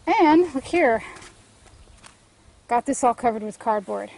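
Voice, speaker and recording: Middle-aged gardener lady, bit high-pitched, throat a little clogged, rambles with lots of ums outdoors. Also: lively intonation, slow, gravelly, darkish tone. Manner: chatty, thinks aloud with many fillers and restarts. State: throat congested from allergies. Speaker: homestead gardening vlogger. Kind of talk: casual garden walkthrough. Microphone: handheld camera at arm's length.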